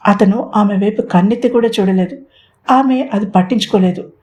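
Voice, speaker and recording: A woman narrating an audio romance story in an expressive storytelling manner. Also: mid-range voice. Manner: expressive storytelling, mixing in English words.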